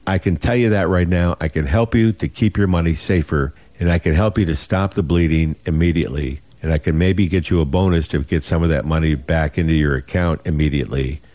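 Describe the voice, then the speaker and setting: A man in his sixties hosting a financial radio show, making an urgent, folksy, emphatic sales pitch and repeating himself. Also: brisk, hardly any pauses, a little mellow, dry recording. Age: 60s.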